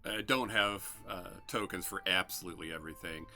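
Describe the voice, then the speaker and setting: A man's voice: low-pitched, a little fast, pushed and bright, faint music behind. A man narrating a tabletop game as game master, in a loose, rambling style.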